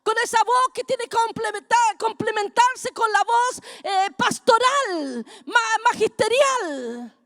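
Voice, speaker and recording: A middle-aged woman, preaching a fervent sermon that builds to shouting. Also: very high voice, animated, slow pace, hardly any pauses. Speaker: apostle preaching at a congress.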